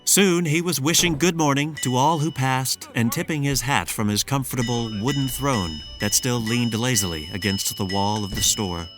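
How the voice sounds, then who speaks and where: A man reading a children's storybook aloud in a measured, expressive storytelling manner. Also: medium pitch, over music. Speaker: storybook reader. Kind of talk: scripted narration.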